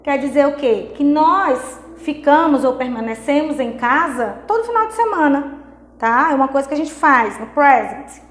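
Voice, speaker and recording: A woman from Brazil teaching English grammar in a video lesson, explaining step by step, checking in often and reading English examples slowly. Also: high voice, animated, echoey room.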